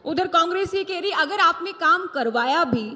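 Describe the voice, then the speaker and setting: A woman's voice: extremely high pitch, expressive, normal speed, bright, forceful tone. A young woman interviewing a politician live on stage, pressing him with pointed questions. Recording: long hall reverb.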